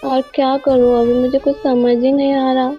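High-pitched woman, whiny pleading call, muffled lo-fi sound, faint music. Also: level tone, normal speed. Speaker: caller, girlfriend. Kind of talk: casual phone chat.

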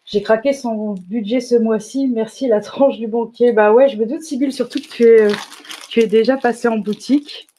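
A woman running a live shop presentation, chatty and enthusiastic, often filling pauses with little interjections. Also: fairly high pitch, fairly even intonation, mellow, slight background noise. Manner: chatty, enthusiastic, fills pauses with "hop" and "euh". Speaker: shop owner presenting new products. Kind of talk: live product demonstration.

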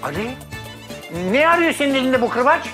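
A man's voice: very high-pitched, expressive, moderate pace, over music. An actor playing a mild, fussy barber father in his sixties in a sitcom. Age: 60s. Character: good-natured older male barber, fussy. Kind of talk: sitcom acting.

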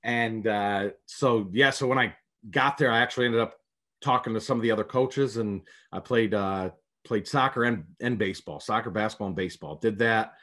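Here the prep coach from upstate New York has a lowish, slightly bright voice and keeps a moderate pace. Interviewed over video as a guest, he tells rambling stories and keeps starting his sentences over.

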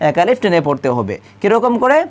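A woman's voice: mid-range voice, very animated, fast, a little mellow. A woman teaching how to recite the call to prayer, asking herself questions and answering them, stretching out the example phrases as she chants them. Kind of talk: explaining the correct call to prayer.

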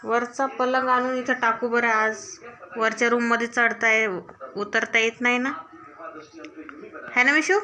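A woman's voice: fairly high pitch, fairly even intonation, unhurried, long pauses, bright, forceful tone. Coaxing Marathi woman chatting at home. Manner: coaxing, affectionate toward child. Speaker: vlogger and mother. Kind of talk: casual family chat.

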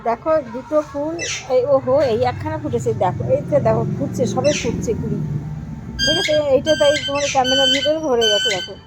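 Vlogging from her home garden, a woman with a high-sitting voice talks fast and effusively to viewers, repeating herself often as she shows them things on her own page. There's heavy background noise.

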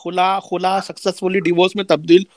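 A man's voice: high-pitched, little pitch movement, brisk, dry recording, clean studio sound. A man in a heated online debate who hesitates and stammers, often repeating filler phrases. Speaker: debater defending Islam.

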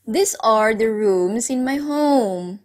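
A woman's voice: fairly high pitch, lively intonation, slow pace. A woman teacher telling a story to young children, asking the class questions, repeating key words and praising their answers. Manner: praising, encouraging.

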